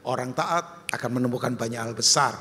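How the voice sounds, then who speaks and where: A male pastor preaching a sermon, animated and humorous, jumping high for questions and quoted voices and dropping low and soft for appeals. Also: fairly quick. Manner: humorous storytelling with asides to the congregation. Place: large church hall. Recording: long hall reverb.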